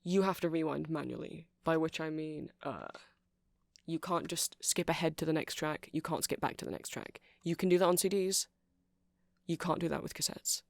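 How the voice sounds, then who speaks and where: In this ASMR roleplay, a mid-range voice with vocal fry and a moderate pace portrays a nerdy, talkative vampire shopkeeper who sounds helpful but unsure. He rambles apologetically, hesitating and correcting himself as he explains in a casual sales chat. The sound is studio quality with no echo, and the voice is natural.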